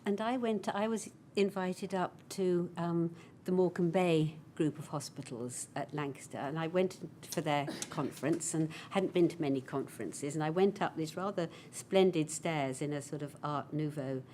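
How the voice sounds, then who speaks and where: A woman with a fairly low voice introduces speakers at a conference. She talks in a chatty, storytelling way. A faint hum of noise sits behind her. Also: moderate pace, hardly any pauses, mellow. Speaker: conference host. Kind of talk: conference talk.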